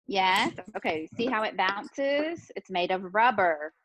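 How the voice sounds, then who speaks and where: A woman leads an interactive lesson for pre-kindergarten children, asking questions and encouragingly repeating their answers. Her voice is mid-range, expressive and fairly bright, her pace slow, with a little hiss or hum in the audio.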